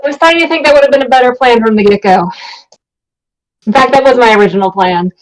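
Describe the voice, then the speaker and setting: Wry young woman, fairly high voice. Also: fast talker, poor audio. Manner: wry, sardonic. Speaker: tabletop game player. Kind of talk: casual improvised role-play banter.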